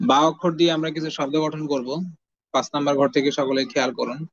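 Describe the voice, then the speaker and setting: A man teaching the Arabic alphabet in an online lesson, patiently drilling letter sounds with steady repetition. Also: a little high, fast, dry recording. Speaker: Quran reading teacher. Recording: dull lo-fi audio.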